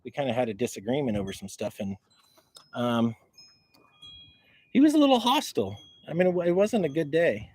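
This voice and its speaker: A man walking around outdoors on his property, casually showing things off to a handheld camera in a halting, rambling way that keeps repeating words. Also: mid-range voice, sing-song, a little mellow, breathy edge, poor audio. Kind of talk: casual rambling show-and-tell. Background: faint wind noise.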